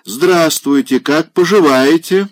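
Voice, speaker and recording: A man putting on a loud, mocking old general. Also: lowish voice, big pitch swings, no room sound, clean studio sound, voice pushed up. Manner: loud, mocking, drawn-out exclamations. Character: coarse older male general, teasing suitor.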